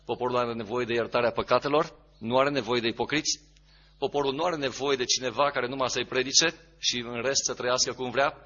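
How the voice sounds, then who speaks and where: A man's voice: medium pitch, fairly even intonation, bright, forceful tone, lo-fi sound. A man preaching a sermon, emphatic, repeating key phrases and asking rhetorical questions.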